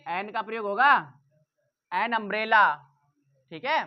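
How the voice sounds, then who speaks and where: In a dull lo-fi recording, a mid-range female voice unhurriedly leads a classroom-style English grammar lesson, going over points again and putting rhetorical questions to the class.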